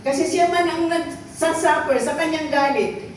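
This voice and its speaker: A woman's voice: high-pitched, moderate pace, slight background noise. A Filipino woman preaching a sermon, often checking in with the congregation by asking "okay?" and "right?". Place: church hall. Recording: echoey hall recorded from far off.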